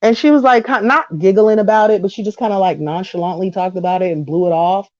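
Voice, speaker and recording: A woman in her thirties giving a blunt, slangy opinion monologue to camera, animated and quick to slip into mocking voices. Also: mid-range voice, no room sound, dull audio. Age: 30s. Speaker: vlogger.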